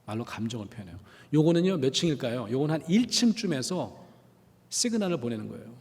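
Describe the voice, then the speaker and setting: A man giving a lively church lecture on empathy, asking the audience questions and acting out short dialogues in different voices. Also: mid-range voice, quick pace. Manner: animated, acts out dialogues in changing voices, asks the audience questions. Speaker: guest lecturer at a church prayer meeting. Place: church sanctuary. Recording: long hall reverb.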